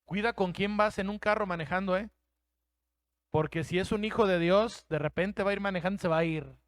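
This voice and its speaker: A male pastor with a Mexican Spanish accent delivers an emphatic sermon and acts out the voices he quotes. His voice sits high and rings smooth and resonant. The sound is dry and close. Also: brisk, no room sound.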